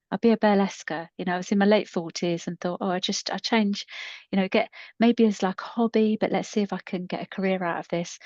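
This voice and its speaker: This podcast co-host, a coach in her fifties, has a medium-pitched, slightly mellow voice. She chats and tells stories casually, rambling and self-deprecating, in a muffled recording with roomy echo.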